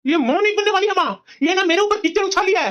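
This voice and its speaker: A woman voicing an angry young husband in a cartoon story, harsh and accusing, talking fast in a high voice. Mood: scornful. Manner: shouting, scornful.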